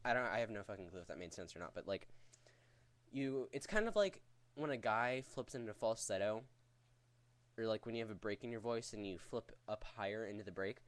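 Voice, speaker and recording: A man's voice: lowish voice, fairly quick, no echo. A man giving a casual, rambling vocal technique tutorial in a crude, jokey, profane way. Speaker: vocal tutorial host teaching screaming technique.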